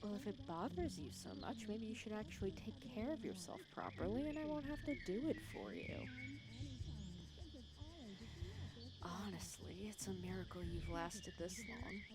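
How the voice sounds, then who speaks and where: Here the same villain roleplay turns softly teasing: she speaks animated and fairly quick in a mid-range voice, lightly acted with few pauses, wry, intimate, fussing and bossy toward her hero nemesis. It's one-sided ASMR acting, set against clear cricket and outdoor insect ambience.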